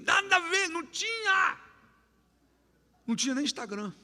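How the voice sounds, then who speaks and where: Animated preacher with a bright voice. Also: male voice, extremely high pitch, moderate pace. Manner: animated, humorous storytelling, sudden shouts. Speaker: guest pastor. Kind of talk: lively youth sermon. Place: church hall. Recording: echoey church hall.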